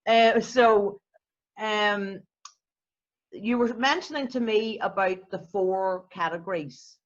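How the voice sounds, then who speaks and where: A woman's voice: medium pitch, takes it slowly, lo-fi sound. A woman hosting an interview show, bubbly and enthusiastic, laughing easily. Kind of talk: casual interview. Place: home, over a video call.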